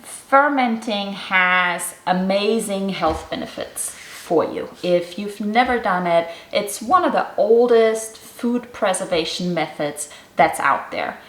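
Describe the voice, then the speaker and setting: A woman's voice: mid-range voice, animated, takes it slowly, few pauses, a bit bright, roomy sound, poor audio. A middle-aged woman from Germany hosting a cooking channel, explaining a recipe step by step in a casual, chatty way. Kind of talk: casual how-to vlog narration.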